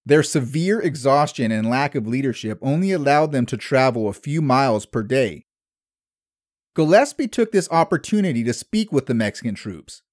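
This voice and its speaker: A man hosting a history podcast, telling the story in measured, scripted narration. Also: mid-range voice, a little mellow, no room sound, clean studio sound.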